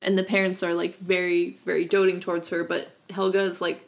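A woman's voice: on the low side, level tone, brisk, vocal fry. A young woman chatting casually as a podcast co-host, filling her talk with "like" and "um". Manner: chatty, many fillers of like and um. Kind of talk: casual chat about a cartoon.

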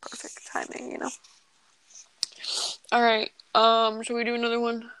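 A woman's voice: fairly high pitch, monotone, moderate pace, fairly bright tone, clear, resonant tone, dry recording, rough recording. A teenage girl co-hosting a casual podcast on a headphone mic, rambling and giggling as she talks. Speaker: podcast co-host. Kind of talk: casual chat.

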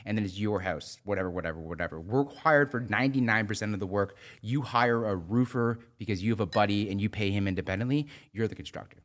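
A man's voice: on the low side, quick pace, hardly any pauses, fairly bright tone. A Canadian man, a general contractor, ranting in a casual podcast chat and swearing freely. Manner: swears a lot, heated ranting.

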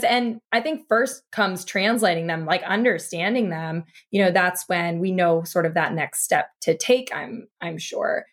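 A young woman hosting a podcast interview, thinking aloud in a reflective way with lots of "like" and "you know". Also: lowish voice. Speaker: podcast host.

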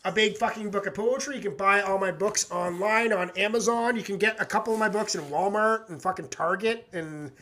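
A man with a high, sharp voice hosts a live music reaction stream. He talks in a loose, rambling way and curses nearly every sentence, easygoing and unfiltered. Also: fairly quick, few pauses. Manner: rambling, swears constantly, laid-back. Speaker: podcast host reacting to music. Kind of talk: casual live-stream chat.

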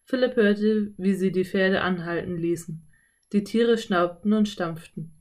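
Calm woman reading a children's story. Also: medium pitch, measured pace. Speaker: narrator. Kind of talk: children's audiobook narration.

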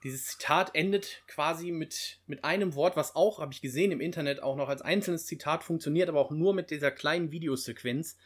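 A man chatting with friends in a slightly higher voice, retelling film scenes enthusiastically. He gets animated as he describes the moments he loves. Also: a little fast, few pauses. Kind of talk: casual chat.

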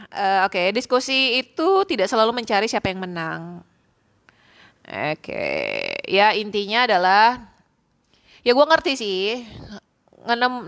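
A woman's voice: medium pitch, fairly bright tone. Young woman hosting a podcast, chatty and slangy, laughs a lot, drops english words in. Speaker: podcast host. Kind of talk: casual storytelling chat.

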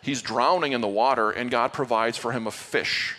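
A man's voice: mid-range voice, moderate pace, sharp tone, big-room sound. A male pastor giving an earnest Sunday sermon to his church, with playful asides. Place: church sanctuary.

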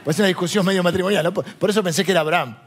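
Talking very fast in a high, slightly rough voice, a man with a Rioplatense Spanish accent delivers a digressive, conversational sermon. He keeps it chatty and often turns questions to his audience.

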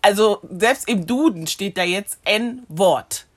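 A woman's voice: medium pitch, lively intonation, slow, slightly rough. A woman chiming in and agreeing in a casual chat among friends.

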